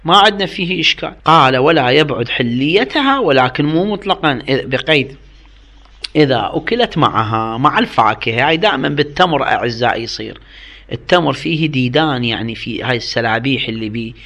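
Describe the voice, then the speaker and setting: A man's voice: on the high side, sharp tone. A man with an Iraqi Arabic accent teaching a seminary jurisprudence lesson, reading out rules and explaining them with questions to his students. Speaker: religious studies teacher.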